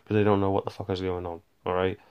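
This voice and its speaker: A man's voice: low-pitched, level tone, quick pace, a little mellow, clear, resonant tone, lo-fi sound. A man tells a rambling personal story, often skipping details with "blah, blah, blah", while holding his phone to record. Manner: rambling, fills gaps with "blah, blah, blah". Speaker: vlogger. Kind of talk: casual storytime monologue. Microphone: handheld phone.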